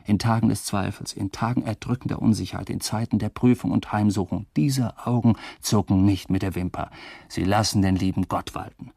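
An actor in a radio drama speaking a wry, rambling, drunkenly philosophical first-person monologue in a gravelly, husky voice. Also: male voice, lowish voice, fairly even intonation, fairly quick, dark tone, dry recording, clean studio sound. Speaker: narrator and protagonist.

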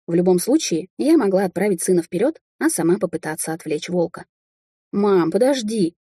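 Warm, husky woman narrating a story. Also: lowish voice, very animated, quick pace, no room sound, studio quality. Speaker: audiobook narrator. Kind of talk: first-person fantasy narration.

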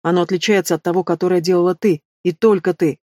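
A woman's voice: on the low side, fairly even intonation, fast talker, mellow, no room sound, clean studio sound, natural voice. A woman voicing a nervous young male student who speaks hesitantly and anxiously.

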